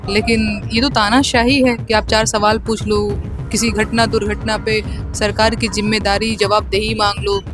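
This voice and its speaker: A woman's voice: mid-range voice, level tone, moderate pace, music in the background. Earnest young woman answering questions. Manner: earnest, hesitant fillers, rising when indignant. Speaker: interview guest, folk singer. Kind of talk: interview answers.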